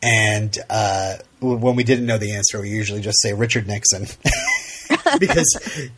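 A man's voice: on the low side, moderate pace, fairly bright tone, breathy edge. A man co-hosting a podcast in a casual chat, rambling with many restarts and fillers. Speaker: podcast co-host.

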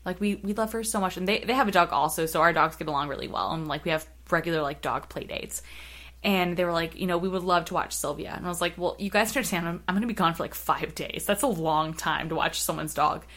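Female podcast guest: bright, animated storyteller who uses many fillers. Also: lowish voice, quick pace. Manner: animated storyteller, filler-heavy, laughs often. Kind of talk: casual chat.

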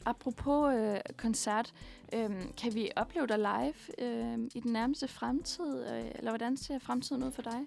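A young female co-host asks her questions in a friendly, hesitant way. Her voice is a touch high and strongly gravelly with vocal fry. Faint music sits underneath. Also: fairly even intonation, few pauses, darkish tone. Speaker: podcast co-host. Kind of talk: casual interview chat.

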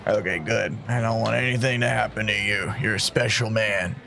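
A man's voice: fairly low pitch, fairly even intonation, normal speed, vocal fry, bright, forceful tone, faint music behind. A man playing a tabletop game, bantering casually, often in character.

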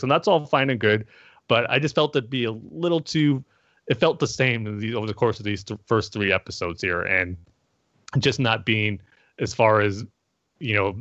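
A man on a casual podcast, giving a measured review with lots of hedging and fillers. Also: medium pitch, fairly bright tone, dry recording. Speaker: podcast co-host. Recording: dull lo-fi dry sound.

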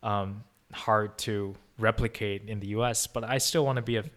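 A young man from China, whose first language is Chinese, chats casually as a podcast guest in a lowish, fairly bright voice with fairly even intonation at a moderate pace. He comes across as thoughtful, with many restarts and fillers.

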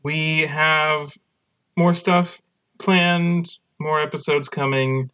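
A man's voice: on the high side, fairly even intonation, extremely slow, pushed and bright, clean tone, highs cut off. A man co-hosting a casual podcast, joking dryly and chuckling often. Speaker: podcast co-host.

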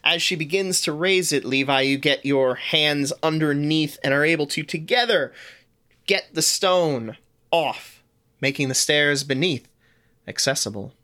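A man running a tabletop game as its game master, speaking slowly with a bright, sharp tone. His voice sits a little higher than most men's, and he narrates in a measured, descriptive way.

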